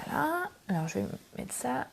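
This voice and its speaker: A woman's voice: a little high, moderate pace, creaky. Brief: woman host, chatty craft demo at home desk, easygoing, faint hiss and clicks behind. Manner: chatty, relaxed, thinks aloud with fillers. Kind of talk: casual step-by-step craft demonstration. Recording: faint background noise and clicks.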